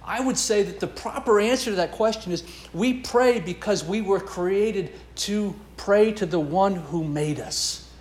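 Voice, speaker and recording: A man's voice: high voice, measured pace, roomy sound. A man preaching a sermon as pastor, earnest and emphatic, building and dropping his intensity.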